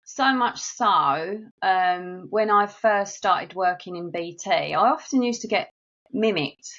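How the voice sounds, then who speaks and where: On a lo-fi recording, a middle-aged woman from South East London speaks at a slow pace with medium pitch, lively intonation and a slightly bright tone. She's a marketing agency director appearing as a podcast guest, swapping stories warmly in a relaxed interview.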